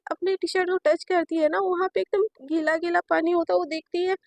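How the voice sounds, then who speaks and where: A woman's voice: extremely high pitch, steady tone, brisk, dry recording. A woman narrating a romance story in a chatty, casual way, mixing in English words and talking to listeners.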